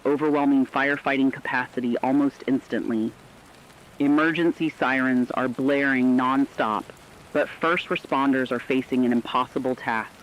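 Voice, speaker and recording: Playing a grave radio correspondent, a man delivers an urgent, dramatic scripted breaking news report about a disaster. His voice is mid-range and natural, and the audio has a dull, lo-fi radio quality.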